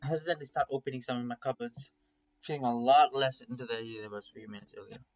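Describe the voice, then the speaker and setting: A man's voice: mid-range voice, fairly even intonation, fast, soft background music, low-quality recording. A man reading a first-person story aloud in a casual, plain way, with small slips and restarts.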